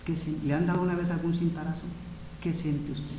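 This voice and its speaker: A Mexican-accented male pastor preaching a dramatic sermon and calling his listeners brothers. His voice is high for a man, and he is recorded in a large seminary hall with a long, ringing reverb. Faint room noise runs underneath. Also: level tone, brisk.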